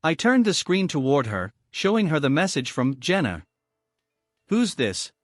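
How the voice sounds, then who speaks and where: Tense, lively male story narrator. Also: fairly high pitch, normal speed, no room sound, studio quality, soft background music. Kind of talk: first-person dramatic narration.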